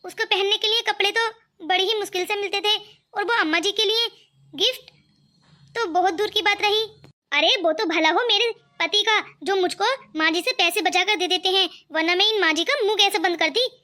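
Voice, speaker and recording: A woman's voice: extremely high pitch, normal speed, sharp tone. A woman voicing a sly, smug daughter-in-law. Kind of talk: cartoon voice acting.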